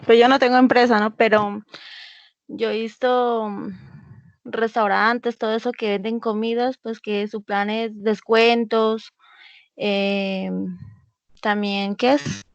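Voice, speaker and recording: A woman student answering hesitantly in an online class, pausing to find her words. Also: fairly high pitch, little pitch movement, no echo. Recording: dull lo-fi call audio, distant mic.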